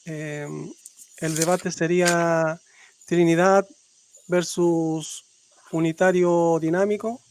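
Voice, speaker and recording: High-voiced Chilean moderator. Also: male voice, level tone, a little mellow, slight background noise. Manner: halting, procedural.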